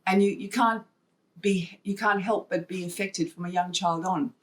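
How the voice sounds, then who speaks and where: In a fairly low voice with fairly even intonation, a Hong Kong woman speaks at a normal pace during a storytelling interview. She appears as a podcast guest, an artist and wildlife fundraiser, and reenacts pieces of past dialogue.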